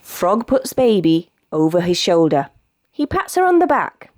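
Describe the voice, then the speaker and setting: A young British woman reading a children's bedtime story aloud in an expressive, animated way. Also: on the low side, measured pace. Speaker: storybook reader.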